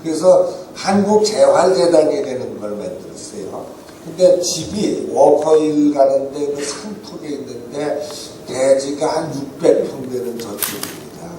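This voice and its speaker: A man's voice: fairly high pitch, unhurried, a little hiss or hum. Older man telling stories in an echoey hall. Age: 70s. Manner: animated anecdotes, acts out quoted dialogue. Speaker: author and guest speaker. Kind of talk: storytelling at a book talk. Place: event hall. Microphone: room recording from the audience. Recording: echoey hall recorded from far off.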